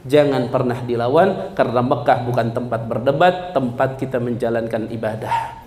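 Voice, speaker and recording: A man, a religious teacher, guiding pilgrims and telling a story with lively acted-out dialogue. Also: mid-range voice, moderate pace. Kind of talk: pilgrimage guidance talk with storytelling. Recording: echoey room.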